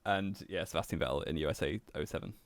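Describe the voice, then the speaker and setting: A young man co-hosting a casual motorsport podcast, relaxed and teasing, laughing often. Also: very deep voice, fast talker, vocal fry. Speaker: podcast co-host. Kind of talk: casual chat.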